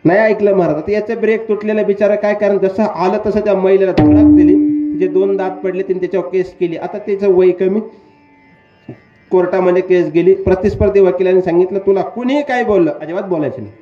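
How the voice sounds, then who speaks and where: A high-voiced man preaching a devotional kirtan sermon and keeps putting questions to his listeners. His voice rings through an echoey hall on a slightly dull recording. Instrument music plays clearly behind him. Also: fairly quick. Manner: animated, questioning the audience.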